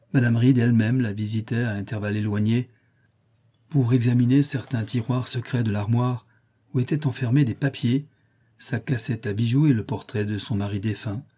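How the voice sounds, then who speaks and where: A man reads a classic novel aloud in a measured, descriptive way. His voice is husky and dark, with a mellow tone at a middle pitch. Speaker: audiobook narrator. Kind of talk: literary audiobook narration.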